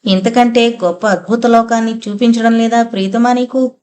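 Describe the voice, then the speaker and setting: A seductive, possessive female spirit from an audio novel, as a woman narrator puts her on. She coaxes in a soft, whispery way, luring her listener closer. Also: on the high side, steady tone, normal speed, close to an everyday voice.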